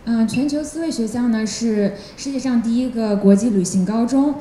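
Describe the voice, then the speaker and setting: Dark-voiced woman interpreting live. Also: fairly high pitch, normal speed, a little hiss or hum. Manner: hesitant, with fillers. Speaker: assistant educator and interpreter. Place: large event hall. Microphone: handheld microphone. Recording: echoey hall with handheld mic.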